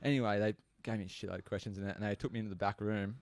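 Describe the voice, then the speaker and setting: A man's voice: fairly low pitch, fairly even intonation, very fast, no room sound. A young Australian man telling a rambling, crude story in casual podcast chat, laughing as he goes.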